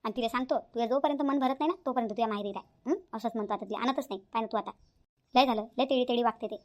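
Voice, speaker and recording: A woman's voice: a little high, racing, darkish tone, lo-fi sound, lightly acted. A woman voicing a bossy, grumbling older village mother-in-law in a cartoon, speaking shrilly. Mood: fuming. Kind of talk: cartoon voice acting.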